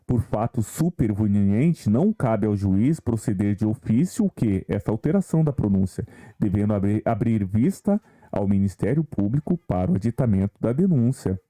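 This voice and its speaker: A man's voice: lowish voice, expressive, moderate pace, hardly any pauses, warm tone. A man teaching an online exam-prep law lesson, walking viewers through questions and asking them rhetorical questions along the way.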